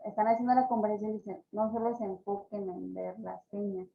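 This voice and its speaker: Gravelly woman on a tinny call line. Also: mid-range voice, steady tone, a little fast, soft background music. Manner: earnest, stresses practice instructions. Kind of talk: online class explanation.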